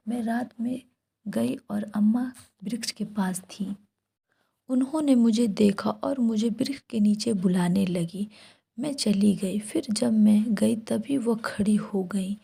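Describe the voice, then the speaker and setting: A woman's voice: mid-range voice, takes it slowly, vocal fry, dark tone, husky. A woman whispering a first-person horror story throughout.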